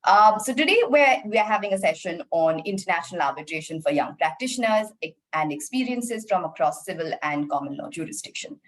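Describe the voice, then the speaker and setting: Polite lower-voiced woman moderator. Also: animated, low-quality recording. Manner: polite, measured, with "um" fillers. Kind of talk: online panel moderation. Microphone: video call.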